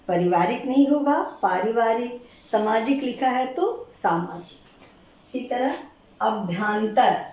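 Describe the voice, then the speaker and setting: A woman teacher giving a grammar lesson for exam preparation, patiently repeating each word slowly so students catch the correct form. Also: a little high, a little mellow. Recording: very echoey room.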